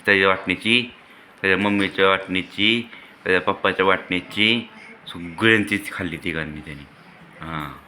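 A man in his thirties with a Marathi accent and a very low voice, talking playfully to his kids and the viewers at home. Clear household noise sits under his voice. It is an everyday home recording. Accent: Marathi rural Maharashtra. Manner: playful, teasing with children, addresses viewers. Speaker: vlogger father. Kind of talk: casual family vlog.

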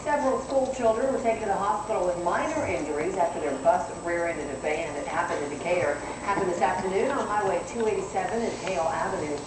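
A woman's voice: lowish voice, quick pace, hardly any pauses. A woman reading scripted television news as an anchor. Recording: distant TV in echoey, noisy room.

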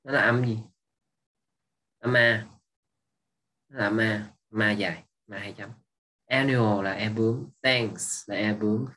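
Male English teacher, slow and husky, repeats each word and checks that students follow. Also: lowish voice, a bit bright. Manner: patient, repeating words and asking if students follow. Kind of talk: exam review lesson.

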